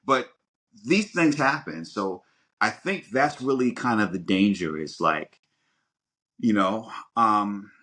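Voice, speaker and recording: A podcast co-host with a fairly low voice talks casually and emphatically in a casual, opinionated discussion. His tone is bright and forceful with lively intonation, and his delivery is halting and rambling, often repeating words while he works through his point.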